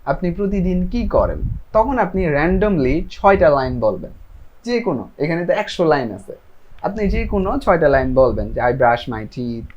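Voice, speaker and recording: Guy teaching basic english, kinda high voice, slow careful example lines, muffled lo-fi audio. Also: very animated. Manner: explains patiently, often asks "ঠিক আছে?"; reads English example sentences very slowly. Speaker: teacher sharing his English learning. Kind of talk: casual spoken English lesson.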